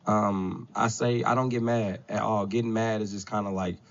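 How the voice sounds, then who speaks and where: A man in his thirties with a somewhat low voice, sitting as a podcast guest. He talks in a loose, rambling way and keeps adding filler checks. The sound is dull and lo-fi. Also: steady tone, normal speed, creaky. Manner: loose and rambling, with frequent "you know what I'm saying". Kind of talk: casual conversation.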